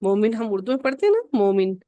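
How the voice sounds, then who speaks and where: A woman teaching an Arabic grammar lesson, patiently repeating each rule slowly for her students. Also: a little high, dry recording.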